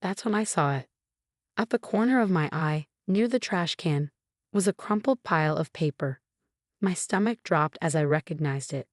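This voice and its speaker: Low-voiced woman narrating a story. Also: lively intonation, normal speed, no room sound, studio quality. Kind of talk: first-person story narration.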